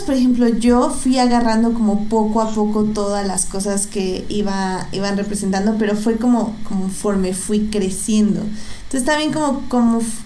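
A woman's voice: a little high, dark tone. A young woman with a Mexican accent chatting casually and thinking aloud, with hesitant, rambling phrasing. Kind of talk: casual conversation about films. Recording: echoey room, faint background noise.

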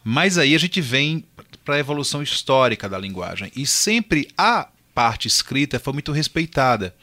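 Bright-voiced man, joking podcast co-host. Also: medium pitch, moderate pace, dry recording. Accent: Brazilian Portuguese. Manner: joking, lively interjections. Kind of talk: casual podcast chat.

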